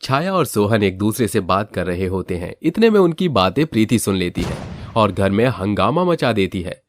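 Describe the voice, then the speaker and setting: A man narrating a moral storybook tale in a steady, even way. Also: on the low side, normal speed, dry recording, clean studio sound.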